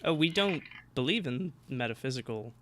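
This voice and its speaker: A man's voice: mid-range voice, lively intonation, moderate pace, fairly bright tone, slight background noise. A man playing a tabletop game, fussy and wry over an online call. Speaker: player. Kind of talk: tabletop play.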